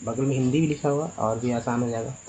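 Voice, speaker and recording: A man's voice: medium pitch, steady tone, mellow, slight background noise, poor audio. Hindi-speaking man teaching pronunciation. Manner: spells out letters slowly and repeats himself. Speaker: English teacher. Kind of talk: spoken lesson on pronunciation.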